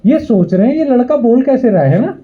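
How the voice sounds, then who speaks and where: A man's voice: very high voice, very animated, a little fast. A young man giving a motivational speech to a live audience at an event hall, rousing the crowd and repeating lines for them to call back. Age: young adult. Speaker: motivational speaker. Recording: tinny phone-like sound.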